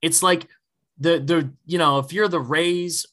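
Animated, bright-voiced man talking football. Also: on the high side, measured pace. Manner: animated storytelling, swears freely, acts out quotes. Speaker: podcast co-host. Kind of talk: casual sports podcast chat.

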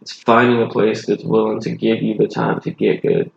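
A man's voice: lowish voice, level tone, moderate pace, gravelly, echoey room, muffled recording. A man with a Southern accent and a groggy voice, a bartender co-hosting a podcast and rambling casually about his work. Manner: rambling, loose, swears casually. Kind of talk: casual chat.

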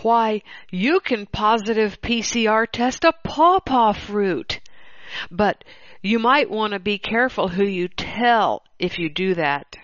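A woman hosting, reading an opinion article aloud in a measured, deliberate way. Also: mid-range voice, lively intonation, a bit bright, no echo. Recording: dull, slightly lo-fi dry recording.

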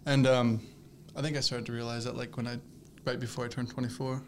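Fast-talking and mid-range with little pitch movement, this twentysomething podcast co-host rambles casually, restarting often and leaning on fillers. Teasing flusters him, but he laughs readily, and a slight hiss or hum sits under the audio.

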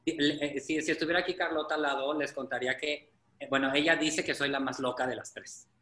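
Brief: man, drag performer guest, bright and chatty, a roomy echo around the voice. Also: fairly high pitch, steady tone, fairly quick. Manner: chatty, meandering with many restarts. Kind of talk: casual chat.

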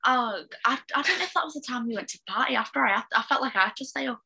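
A young woman from England co-hosting a podcast with her partner, chatting casually with blunt, quick remarks. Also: high voice, lively intonation, creaky, a crowd in the background. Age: young adult. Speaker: podcast co-host. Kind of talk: casual couple chat.

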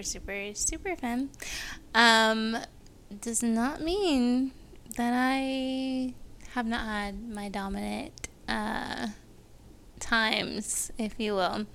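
A woman co-hosting a podcast in casual chat, blunt and quick to laugh. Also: on the high side, creaky, pushed and bright. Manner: blunt, laughing, slow-drawling. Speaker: podcast co-host.

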